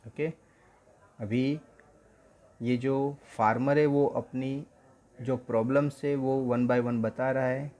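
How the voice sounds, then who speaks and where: A male teacher with a medium-pitched, warm voice explains an English story in Hindi. He reads the English lines slowly and then explains them in a mix of Hindi and English.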